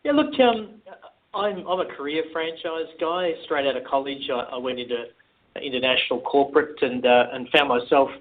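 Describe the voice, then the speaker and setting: A man speaks over a tinny phone line as a company founder being interviewed. His voice sits at a middle pitch. He talks at an easy pace, pausing often with "uh" while he gathers his words. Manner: relaxed, hesitant with many "uh"s.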